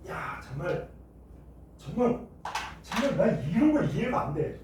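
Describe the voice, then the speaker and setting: Man, high-pitched, very lively, chemistry teacher, storytelling lecture, far from the mic, echoey classroom. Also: unhurried, noisy background. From Jeju Island, Korea. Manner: animated, acts out shouting voices in his stories.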